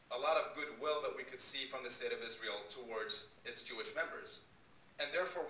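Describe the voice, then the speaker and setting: A man's voice: medium pitch, sharp tone, a little hiss or hum. A man from the United States making earnest, emphatic remarks to a speaker at a conference. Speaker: audience member addressing a conference speaker. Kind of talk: impassioned public remarks at a conference. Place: conference hall. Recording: echoey hall, voice from far off.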